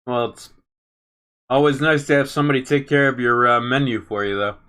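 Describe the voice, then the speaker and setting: A man hosting a casual tech livestream from his workshop table, talking haltingly with many fillers. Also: mid-range voice, pushed and bright, clean tone.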